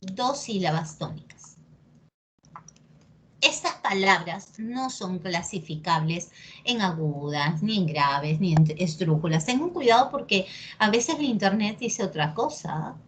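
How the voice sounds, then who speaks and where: A woman's voice: mid-range voice, expressive, a little slow, slight background noise. A woman from Peru with a Peruvian accent teaching a lesson, patiently repeating key words and often checking that her listeners follow. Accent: Peruvian Spanish. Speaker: pre-university Spanish teacher. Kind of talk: classroom lesson on accent marks.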